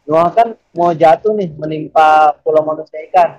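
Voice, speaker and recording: Mellow young man on lo-fi audio. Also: fairly high pitch, moderate pace. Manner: explains a theory step by step, many fillers and restarts. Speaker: podcast co-host. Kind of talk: casual chat. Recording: dull lo-fi podcast audio.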